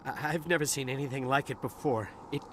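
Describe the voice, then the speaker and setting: An actor playing a nervous dockworker who stammers and sounds shaken after an attack. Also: male voice, mid-range voice, brisk, a little hiss or hum, lightly acted. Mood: frightened. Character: nervous male dockworker, frightened survivor. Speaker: game character. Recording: game audio with music behind.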